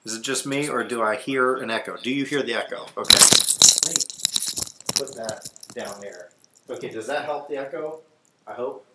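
A man hosts a livestream while cooking breakfast, chatting casually with viewers and fiddling with his audio settings. His mid-range voice moves at normal speed and rings with a cave-like echo, recorded off-mic from a distance with faint noise.

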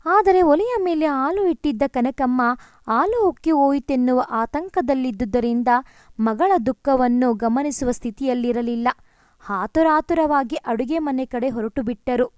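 A woman's voice: sits high, measured pace, a little mellow, clear, resonant tone, dry recording. A woman narrating a family story, reading steadily and expressively.

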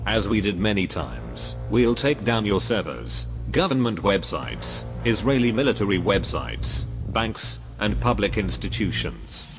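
Brief: male, voice disguised and dropped low, cold menacing scripted read over loud music. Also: big pitch swings. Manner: cold, measured, menacing delivery. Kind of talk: scripted threatening statement. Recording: loud music bed under voice.

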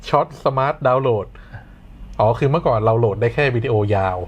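A man's voice: mid-range voice, unhurried, husky, lo-fi sound. A man co-hosting a casual tech news chat, easygoing and agreeable as he reads out new features. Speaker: co-host.

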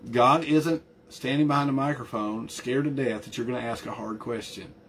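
Male pastor, mid-pitched, earnest emphatic sermon delivery, faint noise in the background. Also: steady tone, normal speed, fairly bright tone. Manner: earnest, emphatic preaching with frequent restarts and repeated words.

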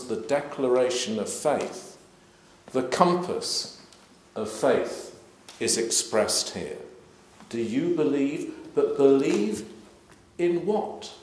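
A clergyman, giving a measured, emphatic talk at an interfaith event. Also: medium pitch, darkish tone. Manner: measured, emphatic, gesturing while speaking. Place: large plain hall. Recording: echoey hall.

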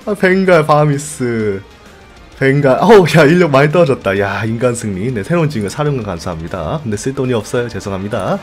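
A man commentating his own strategy game, pleading and shouting at his allies and muttering curses under his breath. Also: medium pitch, lively intonation, brisk, soft background music. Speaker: game streamer. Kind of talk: gaming commentary.

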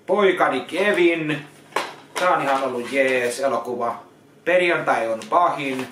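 Halting man sorting films, echoey room. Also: mid-range voice. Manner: halting, repeats words and restarts, plain verdicts. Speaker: vlogger unboxing donated films. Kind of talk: casual vlog commentary. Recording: echoey room with loud noise.

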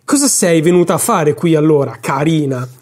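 A man's voice: fairly high pitch, expressive, normal speed, a little mellow. A man voicing a drunken, arrogant young male officer who taunts and boasts, in a storybook reading. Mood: mocking boast.

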